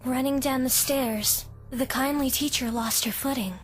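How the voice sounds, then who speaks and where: In an anime fan dub, a woman voices an easily frightened teenage schoolgirl who tells a ghost story with theatrical, spooky flair, hushed and drawn out for an eerie, ominous mood. Her voice is high-pitched, steady and natural, with background music playing behind it.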